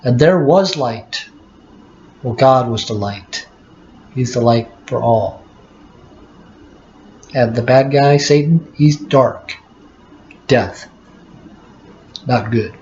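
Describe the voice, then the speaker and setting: A man's voice: medium pitch, steady tone, takes it slowly, long pauses, darkish tone, a little hiss or hum. An older man with a folksy grandpa manner reads the Bible aloud and adds plain, teacherly asides, repeating key words. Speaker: grandfather reading scripture aloud. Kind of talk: Bible reading with plain-spoken commentary. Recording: echoey room, dull lo-fi sound.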